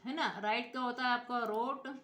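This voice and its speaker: Bright high-voiced woman teaching software. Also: fairly even intonation, measured pace, a little hiss or hum. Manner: explains step by step, spells out letters, often checks in with viewers. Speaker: computer teacher. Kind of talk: screen-recorded software tutorial. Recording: echoey room.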